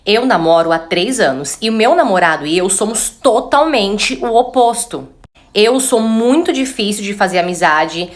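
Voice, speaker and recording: A woman reading a personal story aloud in a calm, even way. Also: medium pitch, moderate pace. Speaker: story narrator. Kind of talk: read narration.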